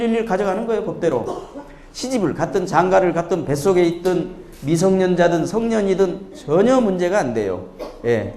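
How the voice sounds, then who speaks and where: A middle-aged man giving a lively lecture on inheritance law, full of jokes, rhetorical questions and acted-out voices. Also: fairly high pitch, reverberant. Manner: animated storyteller, acts out voices, rhetorical questions. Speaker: tax accountant lecturer. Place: lecture hall with audience.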